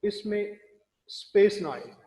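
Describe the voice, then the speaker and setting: A man teaching English pronunciation in a recorded classroom lecture, explaining slowly and spelling words out letter by letter. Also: sits high, animated, mellow, roomy sound, big-room sound, poor audio.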